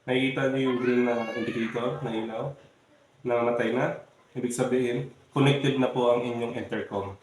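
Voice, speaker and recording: Here a Filipino man casually explains a product one step at a time, often addressing viewers directly. He speaks at normal speed in a mid-range, darkish voice with fairly even intonation. Faint background noise and heavy room echo are audible.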